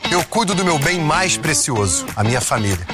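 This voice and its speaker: A man's voice: a little high, sing-song, moderate pace, loud music behind the voice. A man reading a radio commercial in an earnest, heartfelt tone. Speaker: ad speaker.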